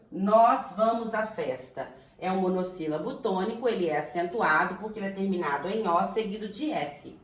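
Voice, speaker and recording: A Brazilian woman teaching a children's grammar lesson, slow and deliberate, stretching words to sound out their syllables. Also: medium pitch. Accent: Brazilian Portuguese. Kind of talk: primary school grammar lesson. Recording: echoey room, voice from a distance.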